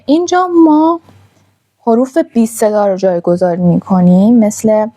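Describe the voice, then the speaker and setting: A woman's voice: medium pitch, mellow. A woman teaching a language lesson, patiently drawing out each sound she demonstrates.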